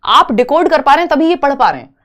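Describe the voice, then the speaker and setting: A woman's voice: high-pitched, sing-song, fast, fairly bright tone. A woman teaching an online exam-prep lesson, explaining each option step by step with rhetorical questions and English terms mixed in. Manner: mixes English terms into Hindi.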